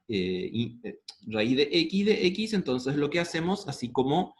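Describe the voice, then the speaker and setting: Very animated and a little high, a man's voice with a Paraguayan Spanish accent guides a class through integrals step by step. He is a math teacher who asks questions and answers them himself, slowing down over the formulas.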